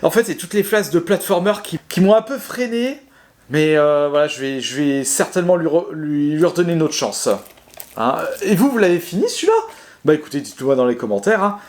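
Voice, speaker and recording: In this casual to-camera clip, a gaming creator chats about his game collection, stumbling over fillers and restarts and poking fun at himself with laughs. His fairly high voice is expressive and brisk, with a darkish tone.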